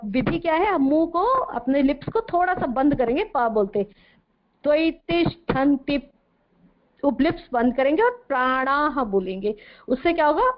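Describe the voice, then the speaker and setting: Female chant teacher, high voice, patient step-by-step demos, muffled online-call audio. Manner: patient, explains step by step, demonstrates sounds. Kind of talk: online pronunciation lesson.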